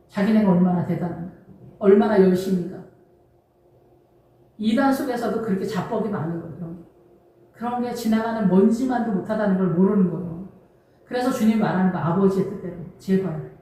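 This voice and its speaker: A woman's voice: medium pitch, mellow. Woman pastor preaching in echoey hall. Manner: emphatic, conversational preaching with rhetorical questions. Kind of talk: sermon. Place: church. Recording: distant mic in an echoey church hall.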